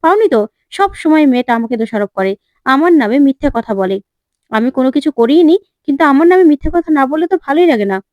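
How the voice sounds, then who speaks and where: A resentful middle-aged mother-in-law who keeps denying the blame, as a woman narrator reads her lines in a recap. The voice sits fairly high and sounds dry and close. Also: animated, quick pace, dry recording, highs cut off. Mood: defensive.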